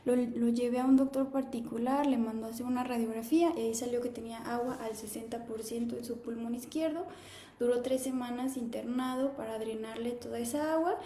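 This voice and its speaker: A woman in her thirties hosting a live stream, chatting casually and reading viewer comments aloud in a warm, conversational way. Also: fairly high pitch, moderate pace, slight background noise. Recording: echoey room.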